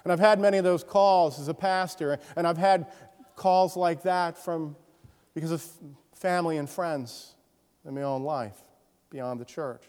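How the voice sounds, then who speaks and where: A middle-aged man, a pastor, preaching a sermon in a storytelling manner, dropping softly low in sad moments and rising for emphasis. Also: a little slow, clear, resonant tone. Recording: long hall reverb.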